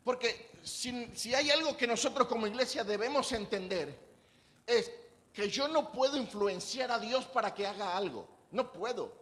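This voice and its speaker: Male pastor, high voice, conversational preaching style with quick asides to the congregation. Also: expressive, fairly bright tone. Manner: preaches conversationally, asks the congregation questions, acts out quoted voices. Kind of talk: sermon. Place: church.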